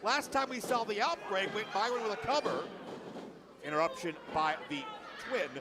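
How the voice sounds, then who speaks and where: A man's voice: high-pitched, expressive, normal speed, a crowd in the background. A man giving live commentary as a wrestling announcer.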